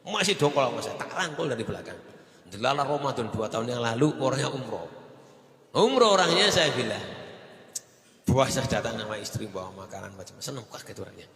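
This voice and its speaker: A man preaching a sermon, telling stories with animated delivery. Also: mid-range voice, fairly quick. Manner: storytelling, animated, mixes in Javanese phrases. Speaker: Islamic preacher. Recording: echoey hall with long reverb.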